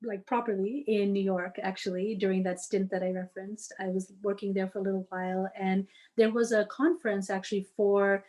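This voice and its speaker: A woman's voice: medium pitch, steady tone, brisk. A woman in her forties from the Washington, D.C. area, telling her family story in a casual, tentative way with frequent fillers. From United States, D.C. area. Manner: tentative, many fillers, warm laughs. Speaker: podcast guest sharing her story.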